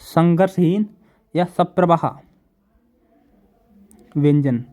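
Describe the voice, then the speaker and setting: A man with a fairly high voice teaches a class. He repeats each definition slowly and keeps asking his students questions to check they follow. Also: warm tone. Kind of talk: classroom lecture.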